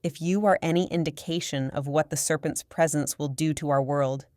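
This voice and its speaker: A woman's voice: low voice, steady tone, normal speed, darkish tone, no echo, studio quality, close to an everyday voice. A woman voicing a stern, protective father in an audiobook. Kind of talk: audiobook character voice.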